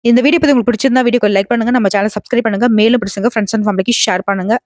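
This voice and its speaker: A woman gives a devotional horoscope talk in a fairly high voice. She speaks earnestly and reassuringly, straight to her viewers. The recording is close and dry. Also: fairly even intonation, rapid-fire, darkish tone, no room sound. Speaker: astrology channel host.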